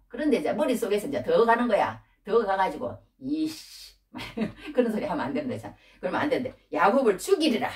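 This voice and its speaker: A woman preaching a sermon in a lively, conversational way, asking her listeners rhetorical questions. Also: fairly low pitch. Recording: echoey room, mic at a distance.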